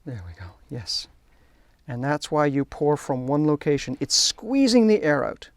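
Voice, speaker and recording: A man's voice: fairly high pitch, big pitch swings, a little slow, dry recording. A man demonstrating a hands-on hobby technique, chatty and enthusiastic as he narrates while working. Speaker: hobby instructor. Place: workshop.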